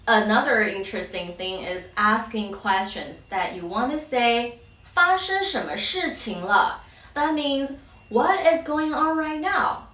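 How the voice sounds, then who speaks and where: A woman's voice: on the high side, lively intonation, measured pace, fairly bright tone. A woman with a Chinese accent giving a casual language lesson and repeating example phrases twice. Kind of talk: casual video lesson, switching between English and Mandarin examples. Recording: echoey room, voice a bit far from mic.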